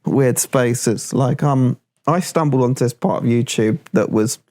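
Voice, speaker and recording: A man's voice: mid-range voice, a little slow, warm tone. A man hosting a podcast, chatting casually and rambling as he recalls things. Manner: rambling, laughs while quoting clips. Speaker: podcast host. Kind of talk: casual chat.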